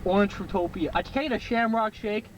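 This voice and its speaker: A man's voice: high voice, quick pace, slight background noise. A young man ordering food at a drive-through speaker from his car, hesitant, with many "uh" fillers and restarts.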